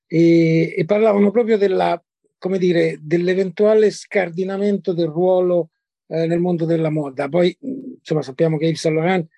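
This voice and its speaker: A man's voice: on the high side, mellow, dry recording. An older man from Italy recalling past encounters as a guest, hesitant, with many fillers and repeated words. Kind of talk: conversational recollection.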